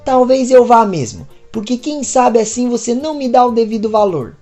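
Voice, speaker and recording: A woman's voice: a little high, lively intonation, moderate pace, warm tone, faint music behind, pitched above the performer's own voice, natural voice. A woman voicing an upset young married woman who speaks anxiously and pleadingly. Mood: distressed.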